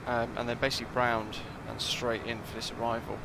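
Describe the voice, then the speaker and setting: A man's voice: medium pitch, monotone, a little fast, vocal fry, background noise. A man casually talking through a flight sim live stream, thinking aloud and chatting with his viewers.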